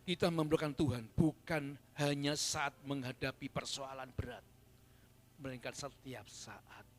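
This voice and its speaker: A man preaching a sermon at a church service, dropping to soft murmurs and rising to loud fervent shouts. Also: medium pitch, fairly even intonation, a little slow. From Indonesia. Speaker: pastor.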